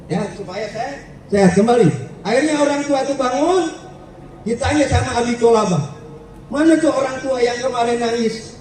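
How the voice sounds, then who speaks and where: A male preacher telling a story to schoolchildren at a school event, lively, asking them questions and repeating words. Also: extremely high pitch. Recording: echoey, far from the mic, faint ambience.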